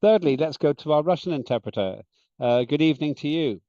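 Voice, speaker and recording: Man, chairing a meeting, deliberate, "uh" fillers, warm dark tone, dry and slightly muffled call audio. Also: on the high side, animated, no echo. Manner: measured, deliberate, with frequent "uh" fillers. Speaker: parliament session chair.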